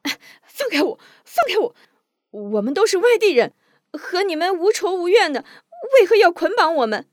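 A woman reading a story, voicing a bold, sharp-tongued woman outlaw who talks back with fierce defiance. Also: big pitch swings, normal speed, no echo, studio quality. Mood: shrill struggling. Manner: shrill, struggling, self-mocking laughter.

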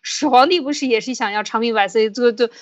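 A woman's voice: fairly high pitch, quick pace, dull audio. A woman podcast host retelling an old story in casual commentary, full of fillers and restarts, voicing quoted figures in her own voice.

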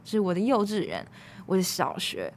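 A woman in her twenties with a Taiwanese Mandarin accent, hosting a podcast and telling a personal story in an animated, exasperated way. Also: lowish voice, fairly quick. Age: 20s. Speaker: podcast host. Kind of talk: casual storytelling monologue.

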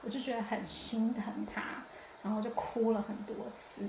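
A woman's voice: a little high, steady tone, moderate pace, creaky, a little hiss or hum. A woman hosting a solo podcast, talking in a chatty, reflective way with lots of hesitations and restarts. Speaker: podcast host. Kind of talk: casual solo podcast monologue. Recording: echoey room.

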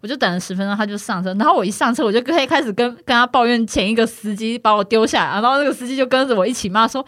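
A woman's voice: fairly high pitch, very fast, dry recording. A woman from Tainan, hosting a casual podcast and telling a story, acting out the voices of the people in it. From Tainan, Taiwan. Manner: lively, acts out the voices of people in her stories. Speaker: podcast host.

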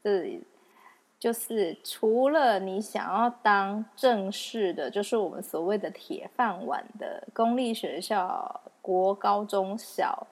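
A woman's voice: mid-range voice, takes it slowly, darkish tone. A young woman with a Taiwanese Mandarin accent, hosting a casual solo podcast in a chatty, self-mocking way and laughing often. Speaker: podcast host.

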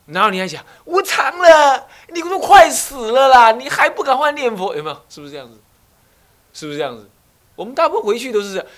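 Lively high-voiced Taiwanese monk preaching. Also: male voice. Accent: Taiwanese Mandarin. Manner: animated, with rapid rhetorical questions to the audience; slips into acted voices of family members. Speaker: Buddhist abbot. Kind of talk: Buddhist dharma talk.

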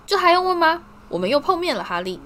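A woman voicing a flamboyant, vain adult male teacher who speaks in a loud, hearty, beaming way. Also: extremely high pitch, lively intonation, quick pace, a little hiss or hum, heavily acted.

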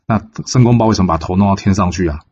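Man putting on a stern scolding old immortal, low husky voice, dull lo-fi sound. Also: rapid-fire, darkish tone.

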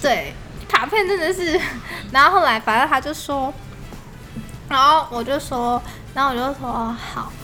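A woman's voice: high-pitched, normal speed, pushed and bright, soft background music. A young woman with a Taiwanese Mandarin accent, co-hosting a podcast and telling a story in casual chat, laughing often. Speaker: podcast co-host.

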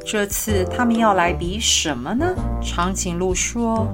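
A woman narrating a children's storybook in a gentle, expressive way. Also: medium pitch, unhurried, music in the background.

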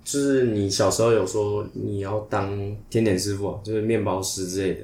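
A man's voice: fairly low pitch, fairly even intonation, fairly quick, a little mellow, reverberant. A young man, asking curious questions in a casual podcast chat.

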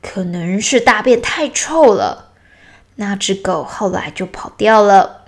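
A playful father bear telling his cub a story in a children's storybook, read by a woman. He speaks at a mid pitch and a slow, unhurried pace, in a calm storytelling way.

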